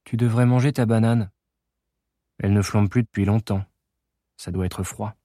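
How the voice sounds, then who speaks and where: A man reading an audiobook, voicing a resigned young man who speaks in a dead, flat tone. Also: fairly low pitch, moderate pace, no room sound, clean studio sound, lightly acted. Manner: flat, lifeless tone.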